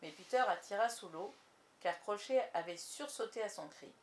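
A woman narrating a storybook in a measured, even reading voice. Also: medium pitch, slight background noise.

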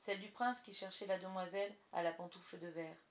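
A woman's voice: medium pitch, fairly even intonation, fast, close to an everyday voice. A woman voicing a cocky, wheedling boy who never grows up, in a roomy recording. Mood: casual. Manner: boastful, wheedling. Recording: roomy echo.

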